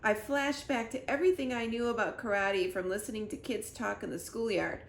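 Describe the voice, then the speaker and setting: A woman with a slightly high voice reads a children's story expressively and fairly quickly, in the manner of a library storyteller. Clear background noise and a roomy echo fill the recording.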